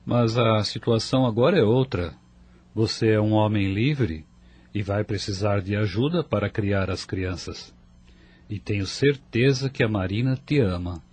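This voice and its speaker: An actor in a radio drama playing a calm, fatherly mentor who counsels gently. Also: on the low side, unhurried, husky. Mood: counseling.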